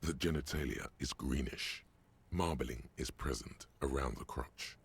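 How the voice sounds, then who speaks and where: An actor playing a game's narrator voice, describing grim details in a darkly vivid manner. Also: male voice, very deep voice, unhurried, vocal fry, slightly rough, heavily acted. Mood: grim narration. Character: deep gravelly male narrator voice of the detective's mind. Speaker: game narrator.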